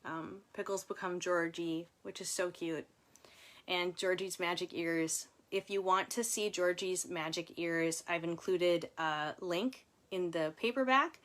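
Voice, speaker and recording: A woman author reads from her book during a casual livestream, chatting with viewers and adding informal, chatty asides. Her voice has a fairly low pitch, fairly even intonation, an unhurried pace, and a fairly bright tone.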